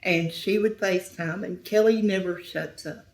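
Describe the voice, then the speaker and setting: A middle-aged woman telling a painful story as an interview guest, speaking softly and sometimes near a whisper. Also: fairly low pitch, fairly even intonation, normal speed. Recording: roomy echo.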